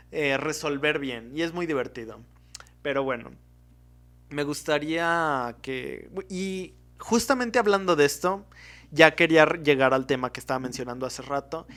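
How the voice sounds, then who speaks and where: Mexican man hosting a solo podcast, voice a touch higher than usual, chatty, loses his thread and backtracks. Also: fairly bright tone. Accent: Mexican Spanish. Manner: rambling, stops to correct himself and backtrack. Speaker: podcast host. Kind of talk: casual solo podcast commentary.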